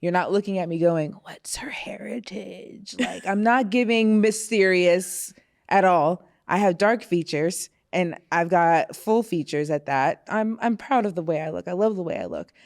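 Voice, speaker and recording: A young woman from Florida, USA, with a fairly low, gravelly voice talks unhurriedly. She's a guest on a podcast, chatting casually and candidly, laughing often and using fillers like "you know".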